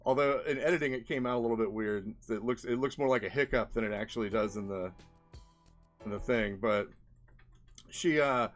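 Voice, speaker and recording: An indie game developer presents his experiments in a casual screen-share, rambling and thinking aloud as he goes. He speaks fairly quickly in a medium-pitched voice, with faint music behind him.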